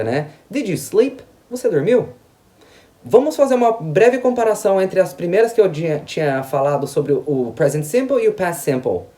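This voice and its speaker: An English teacher with a Brazilian Portuguese accent gives a grammar lesson, tagging lines with "ok?" and "né?" and repeating example sentences slowly. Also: medium pitch, mellow. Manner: tags lines with "ok?" and "né?".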